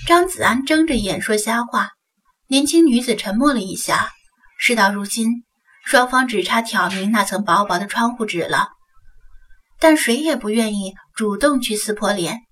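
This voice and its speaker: A woman reads a novel aloud in a steady, measured storytelling voice. Her tone is slightly raised and breathy, and she sits away from the mic. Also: on the high side, distant mic. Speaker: audiobook narrator. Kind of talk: scripted novel narration.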